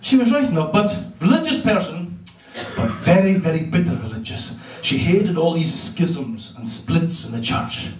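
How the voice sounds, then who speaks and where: A Hebridean Scottish man doing stand-up with a high voice and a profane, deadpan delivery. He is recorded from far off in a roomy live venue, so the sound is echoey and distant. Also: normal speed. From Isle of Lewis, Scotland. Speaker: stand-up comedian. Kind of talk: stand-up comedy. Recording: echoey club room from far off.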